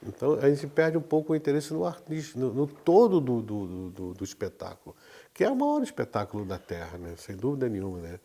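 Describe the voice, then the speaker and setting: A man, a guest in an interview, explaining in a relaxed way with frequent tag questions. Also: mid-range voice, a little fast. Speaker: guest, carnival designer. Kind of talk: casual interview talk.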